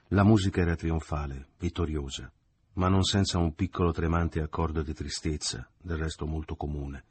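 Measured male novel narrator with a low, husky voice. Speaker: audiobook reader. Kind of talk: literary narration.

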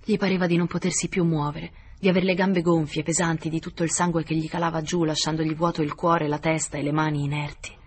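A man reading a novel aloud in measured scripted narration. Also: on the high side, little pitch movement, breathy edge. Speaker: audiobook reader.

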